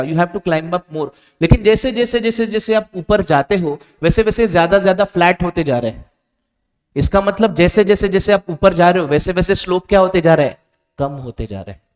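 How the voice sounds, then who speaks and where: A male physics teacher giving a board lecture, asking questions and quietly answering them himself. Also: on the high side. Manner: stretches out key answer words softly. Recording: reverberant room.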